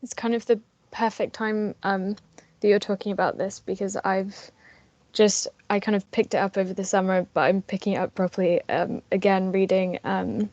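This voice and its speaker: A woman student speaks up in an online class over a video call. Her voice comes through dry and a little dull, as call audio does, and she talks in chatty, quick asides. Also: medium pitch, flat delivery, a little mellow, no echo. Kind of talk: casual remark in class.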